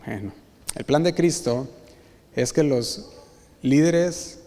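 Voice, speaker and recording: A man's voice: medium pitch, slow pace. A man preaching a sermon as pastor, telling stories and acting out the quoted voices of others. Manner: animated storytelling, acting out quoted dialogue. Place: church hall. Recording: reverberant church hall.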